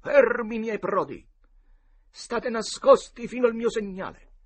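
Adult man voicing a loud theatrical boy hero, high and husky, for an audiobook. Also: animated, unhurried, exaggerated voice. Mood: boastful. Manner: shouty, dramatic, theatrical. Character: boisterous boy playing outlaw hero.

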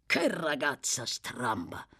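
The reader voices a rough, short-tempered male thief in an audiobook, grumbling bluntly. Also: mid-range voice, huge pitch swings, slow, bright, forceful tone, no room sound, clean studio sound, pitched below the performer's own voice, heavily acted. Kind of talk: audiobook character voice.

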